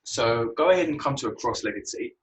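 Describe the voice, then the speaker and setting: A man guiding a yoga class, relaxed and unhurried, with frequent ums. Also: mid-range voice, far from the mic, rough recording. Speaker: yoga teacher.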